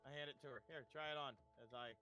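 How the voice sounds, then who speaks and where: A man's voice: fairly high pitch, steady tone, rapid-fire, bright, forceful tone, faint music behind. A man playing a tabletop role-playing game, chatting casually and throwing in brash in-character lines.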